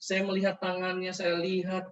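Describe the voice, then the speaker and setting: A man's voice: high voice, completely flat delivery, moderate pace, slight background noise. A man preaching an emotional testimony in a fervent, repetitive storytelling manner. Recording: distant mic, dull lo-fi sound.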